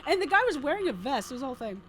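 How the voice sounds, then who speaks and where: Excitable high-voiced woman gamer. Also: racing, background noise. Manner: excitable, chatty, shrieks and laughs at the game. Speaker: gamer playing through a game. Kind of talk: casual let's play commentary.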